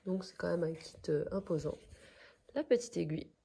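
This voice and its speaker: A woman's voice: lowish voice, creaky, dark tone, slightly rough. A woman with a French accent chatting casually as she unboxes craft kits, hesitant and full of fillers. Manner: slow and hesitant, many fillers. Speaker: crafts vlogger.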